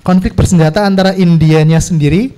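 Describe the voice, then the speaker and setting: A man from Indonesia, telling a travel story to an audience in an animated way, laughing and acting out the voices of people he met. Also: sits high, fairly quick, clean tone.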